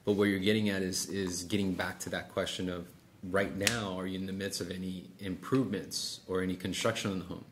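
Coaching one-on-one in a casual, explanatory style, a middle-aged man acts out sample sales dialogue and keeps checking in. His voice sits low with a steady tone and a fairly quick pace. It's a small indoor office meeting room, and the room noise is clearly audible.

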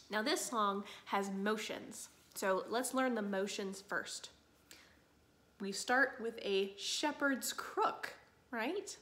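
A woman pastor giving a children's sermon, telling a Bible story with animated, expressive storytelling. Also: a little high.

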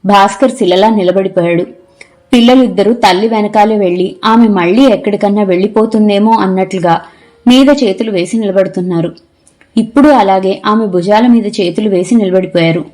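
A woman narrating a novel for an audiobook in a measured, expressive storytelling voice. Her pitch sits in the middle range for a woman. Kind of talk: scripted narration.

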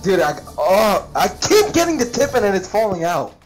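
A man's voice: sits high, very animated, normal speed, soft background music. A man playing along in a game, joking, complaining and protesting his innocence. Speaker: co-player. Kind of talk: casual gaming banter.

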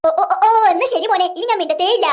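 A performer voicing a chatty old village aunt in a comic family sketch, in a high squeaky old-lady voice. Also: quick pace. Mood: meek.

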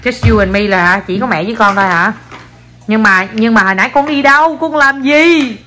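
High-voiced playful young mother. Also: a little fast, pushed and bright. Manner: playful, teasing, mock-sad toward her child. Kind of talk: casual family vlog. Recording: noisy home video.

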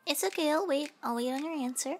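A woman's voice: sits high, fast, faint music behind, natural voice. A woman playing a teasing young nurse in a casual, joking, rambling comedic role-play. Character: teasing, flippant young female nurse questioning a patient.

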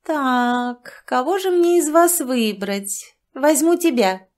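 A woman's voice: high voice, animated, takes it slowly, darkish tone, voice pushed up. A woman voicing a haughty, dismissive noblewoman who drawls her orders in a fantasy audiobook. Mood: condescending.

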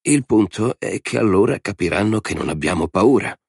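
A man's voice: on the low side, lively intonation, moderate pace, creaky, a little mellow, slightly rough, no echo, studio quality, heavily acted. A man voicing a blunt, hawkish male general in an audiobook reading. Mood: urging. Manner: blunt, urging.

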